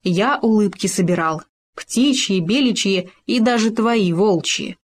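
A woman voicing a small, clever male hamster, speaking in a squeaky, innocent and patient way in a storybook reading. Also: unhurried, natural voice. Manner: calm, innocent, explaining patiently.

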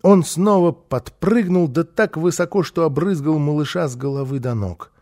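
A man's voice: on the high side, normal speed. Man reading a children's story aloud. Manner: lively, expressive storytelling. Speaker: narrator.

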